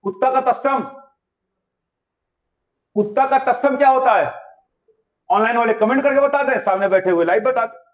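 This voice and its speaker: A man's voice: very high-pitched, moderate pace, pauses often. A male teacher giving a classroom lecture, quizzing his live students with repeated questions. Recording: dull lo-fi sound.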